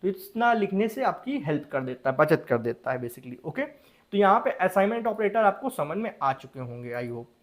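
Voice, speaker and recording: A man's voice: sits high, big pitch swings, moderate pace. A young man teaching programming in a casual, chatty way, often checking that students follow. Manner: chatty, repeats "ठीक है" and checks understanding. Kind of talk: casual classroom explanation.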